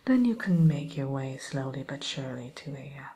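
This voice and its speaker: A woman voicing a sly, sweetly courteous wicked witch tutor in a hushed, musing ASMR roleplay. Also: very deep voice, lively intonation. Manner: hushed, unhurried, hesitant musing, faux-genteel.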